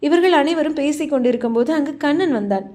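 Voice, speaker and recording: A woman reads an audio novel aloud, her voice sitting a touch high. She tells the story in a steady, even storytelling manner, one chapter at a time. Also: fast. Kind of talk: scripted story narration.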